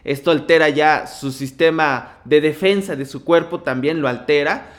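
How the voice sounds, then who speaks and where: A man's voice: on the high side, normal speed. Rambling man explaining at length. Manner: rambling, hedged, many fillers and restarts. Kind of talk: explanatory talk on a web radio show.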